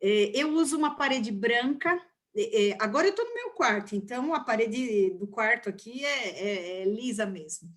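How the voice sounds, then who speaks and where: A woman's voice: fairly high pitch, expressive, moderate pace. A woman teacher talking from her bedroom in an online class, chatty and telling anecdotes. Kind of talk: casual online class talk.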